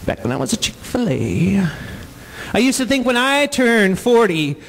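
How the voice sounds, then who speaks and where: A man in his forties doing live stand-up comedy before an audience, playful with drawn-out punchlines. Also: sits high, very animated, long reverb tail, a little hiss or hum, low-quality recording. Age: 40s. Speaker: comedian and singer.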